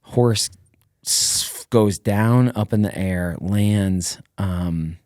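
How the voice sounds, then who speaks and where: A middle-aged man, a former Navy SEAL, telling stories as a guest in a casual podcast interview, with lots of fillers and an energetic, rambling style. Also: lowish voice, drawn-out words, dry recording, clean studio sound.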